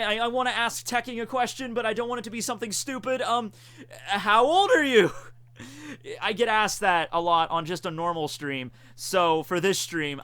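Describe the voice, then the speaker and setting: A man's voice: high-pitched, pushed and bright, dry recording. Chatty young man reading his stream chat. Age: 20s. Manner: chatty, laughs often, reads and answers chat questions. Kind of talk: casual live-stream chat.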